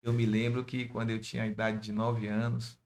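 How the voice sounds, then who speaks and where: A Brazilian pastor and missionary with a Bahian Portuguese accent shares his testimony in a church interview, speaking directly to young listeners in a preachy way. His voice is lowish, a little mellow, and monotone, and he talks a little fast.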